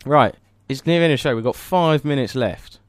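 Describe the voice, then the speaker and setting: A young man from England hosts a casual podcast, trading quick teasing jokes. His voice sits at an ordinary pitch. The sound is dry and close. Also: dry recording. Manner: joking, quick teasing banter. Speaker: podcast host. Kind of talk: casual chat.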